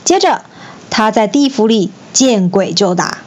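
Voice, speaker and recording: A woman storyteller reading a children's classic aloud in an expressive, lively manner. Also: medium pitch, unhurried.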